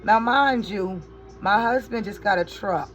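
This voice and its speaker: A woman's voice: medium pitch, unhurried, highs cut off, soft background music. Chatty middle-aged woman vlogging. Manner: chatty, animated storytelling to viewers; exasperated, swearing in frustration. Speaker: beauty vlogger and mother. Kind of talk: casual chat while doing makeup.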